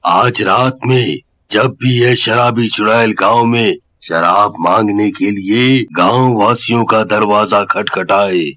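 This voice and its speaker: A wise old holy man in a cartoon horror tale, speaking in a low, unhurried and deliberate way. He sounds calm and grave.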